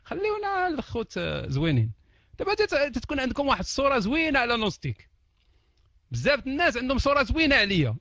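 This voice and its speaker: A man's voice: very high-pitched, rapid-fire, no echo, lo-fi sound. A Moroccan man with a Moroccan Arabic accent, chatting casually and jokingly to his online audience from behind his computer. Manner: animated, joking, laughs often. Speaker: online talk host. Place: at home behind a PC. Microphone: computer mic.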